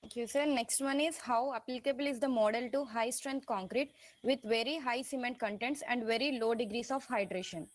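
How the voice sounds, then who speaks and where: A woman's voice: fairly high pitch, fairly quick. A woman moderating a webinar, reading out audience questions in a polite, formal way. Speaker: seminar moderator.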